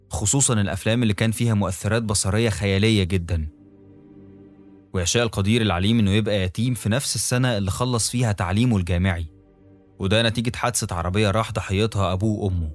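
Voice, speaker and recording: A man with an Egyptian accent narrates a scripted horror story in a steady, dramatic manner. His voice is fairly low and his pace brisk. Soft music plays faintly underneath. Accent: Egyptian Arabic. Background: soft background music.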